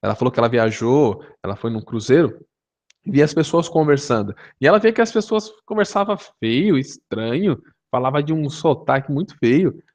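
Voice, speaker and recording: A man's voice: mid-range voice, animated, normal speed, a little mellow. A man teaching English online in a casual, conversational way, full of fillers and rhetorical questions. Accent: Brazilian Portuguese. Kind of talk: online video lesson.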